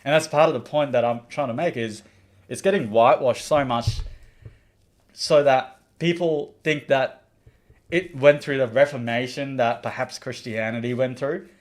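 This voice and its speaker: On a livestream, a host from the Maldives talks at normal speed in a mid-range voice. Earnest and opinionated, he reads out comments from viewers and frequently restarts what he's saying.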